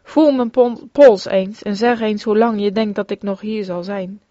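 A woman's voice: medium pitch, fairly even intonation, unhurried, warm tone, dry recording, lightly acted. A woman voicing a dying devout woman who speaks earnestly and fervently. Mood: calm earnest. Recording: dull lo-fi recording.

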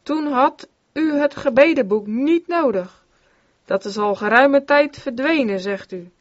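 A woman reading an old-fashioned sermon aloud in an earnest, measured way. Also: sits high, dry recording. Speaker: sermon reader. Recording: dull, dry lo-fi recording.

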